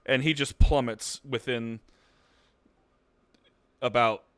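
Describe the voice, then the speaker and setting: A man's voice: medium pitch, steady tone, takes it slowly, fairly bright tone, dry recording. A man running a tabletop game over a streamed call, narrating with loose, profane banter and plenty of fillers. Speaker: game master.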